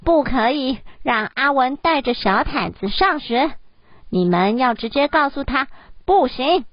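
A woman's voice: high-pitched, animated, a little slow, no room sound, muffled recording, voice pushed up. A woman reading the lines of a bossy middle-aged neighbor in a storybook, lecturing and insistent.

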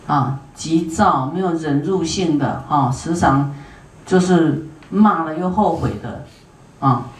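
A woman Buddhist teacher giving an unhurried dharma lecture to an audience, filling pauses with drawn-out "ah" sounds and putting questions to her listeners. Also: sits low. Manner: unhurried, with many drawn-out "ah" fillers; asks the audience questions and to raise hands. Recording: roomy hall sound, voice from a distance.

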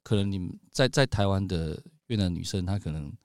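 Fast-talking low-voiced Taiwanese man. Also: darkish tone, smooth, no room sound, studio quality. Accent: Taiwanese Mandarin. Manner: storytelling, acts out quotes in a raised voice. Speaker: guest. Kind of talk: casual podcast chat.

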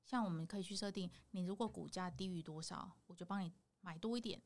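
A woman's voice: fairly low pitch, quick pace, darkish tone. A woman with a Taiwanese Mandarin accent, a podcast guest explaining products conversationally and often affirming as she goes. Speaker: podcast guest, product owner at a securities company.

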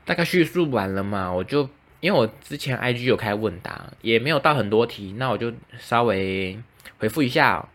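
With a medium-pitched, fairly bright voice, lively intonation and a slightly quick pace, a young Taiwanese-accented podcast host chats casually on his solo show. He's self-deprecating and performs the characters' lines in the stories he tells.

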